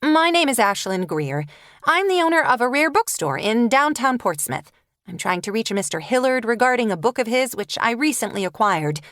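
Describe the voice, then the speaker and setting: Woman voicing an eager flustered young woman, audiobook, animated, dry close sound. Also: a little high, moderate pace, dry recording. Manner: eager, breathless. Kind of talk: audiobook narration.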